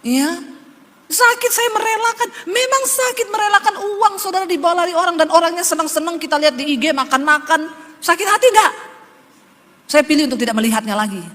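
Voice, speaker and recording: A woman pastor preaches in a lively, talky way, addressing her listeners directly. Her voice sits high, and a long hall reverb trails each phrase. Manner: emphatic, conversational preaching that keeps addressing the congregation. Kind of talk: sermon.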